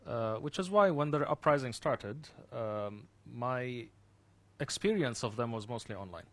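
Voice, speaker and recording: A man from the Gulf region, a guest speaker recounting his experience thoughtfully, with many fillers and restarts that trail off quietly. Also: medium pitch, expressive, a little slow. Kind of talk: personal account in an interview.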